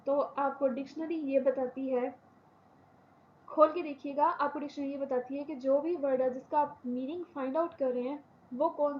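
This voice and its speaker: A woman with a high, clear-pitched voice gives a classroom lecture as a university English teacher. She drags out her example sentences word by word, then rattles off quick explanations. The recording is slightly dull and lo-fi, with a faint hiss underneath. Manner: repeats key words for emphasis.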